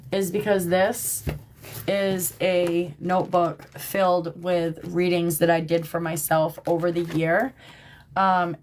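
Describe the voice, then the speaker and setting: A chatty woman with a fairly low voice, hosting a casual livestream from her phone. She talks in an emphatic, conversational way and keeps checking in with her viewers. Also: slight background noise. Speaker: tarot reader and livestream host. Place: at work in a shop.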